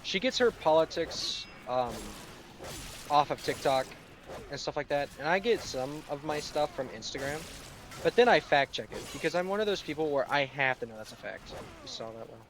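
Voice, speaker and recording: A man's voice: a little high, sing-song, moderate pace, background noise. A young man from the United States in his late teens, chatting sarcastically and rambling while he streams a game. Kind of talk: casual live-stream chat while gaming.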